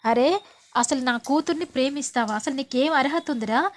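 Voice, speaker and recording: A woman's voice: high voice, normal speed, natural voice. A woman voicing a stern middle-aged father who scolds and demands answers in a serial retelling. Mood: angry.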